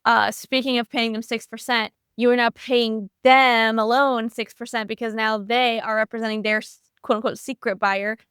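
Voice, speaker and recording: A woman co-hosting a real estate podcast, chatty and informal, with quick asides. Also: on the high side, little pitch movement, a bit bright, clean tone, dry recording, studio quality. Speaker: podcast co-host. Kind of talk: casual podcast chat.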